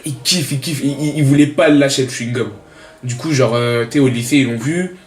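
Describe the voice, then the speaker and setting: A young man telling jokes casually and deadpan, slangy and halting, often repeating himself. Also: medium pitch. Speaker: contestant in a joke-telling challenge. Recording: roomy echo, music behind. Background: music.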